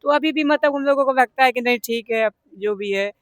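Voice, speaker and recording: A man's voice: extremely high pitch, brisk, a bit bright, clean tone, no room sound, studio quality. A young man with a Banaras Hindi accent, answering interview questions earnestly, rambling with many fillers. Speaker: interviewed business owner.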